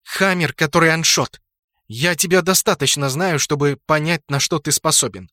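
A male audiobook narrator voicing a brash, bossy woman guild leader with a sharp, scolding manner. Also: low voice, normal speed, no echo, studio quality. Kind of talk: audiobook character voice.

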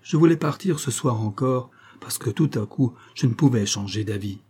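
A man's voice: medium pitch, lively intonation, normal speed, a little mellow, husky. A man voicing an anguished young woman defending herself to her lover in an audiobook, in urgent, pleading sentences.

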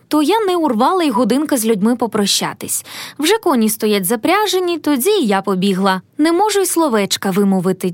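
A woman reading a classic story aloud as an audiobook, expressive storytelling narration. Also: high voice, no room sound. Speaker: audiobook reader.

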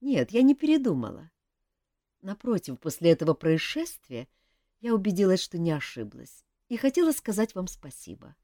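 A woman's voice: on the low side, very animated, normal speed, mellow, no room sound, clean studio sound, pitched above the performer's own voice. A woman voicing a frank, earnest young woman in an audiobook, speaking in a forthright way.

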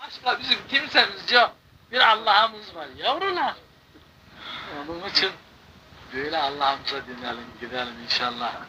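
An older man preaches with a high voice, telling religious stories with fervor. He often rises into loud cries and chanted calls to God. The recording carries clear background noise. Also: animated, moderate pace. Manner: impassioned, breaks into loud cries and chanted invocations. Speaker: Sufi sheikh. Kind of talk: religious storytelling talk. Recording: noisy recording.

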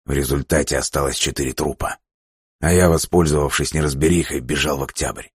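A broken prisoner speaks quietly and bitterly in a very deep, husky voice, as a male narrator plays him. His words are low and subdued. The recording is dry and close. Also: steady tone, fairly quick, no echo.

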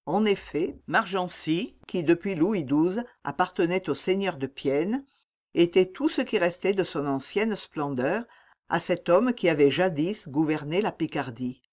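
A man narrating a classic novel as an audiobook, with a measured, dramatic reading. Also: sits high, animated, a little mellow.

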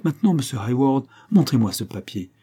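A man's voice: medium pitch, sing-song, brisk, warm tone, pitched above the performer's own voice. A man reading an audiobook, voicing a proud, hot-tempered young country squire in raised, urgent outbursts. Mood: frantic.

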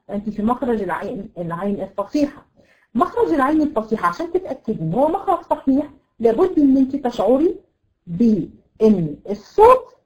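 An Egyptian woman teaching a tajweed lesson online to women students, explaining patiently and demonstrating letter sounds slowly. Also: fairly high pitch, warm tone, rough recording. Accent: Egyptian Arabic. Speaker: Quran recitation teacher.

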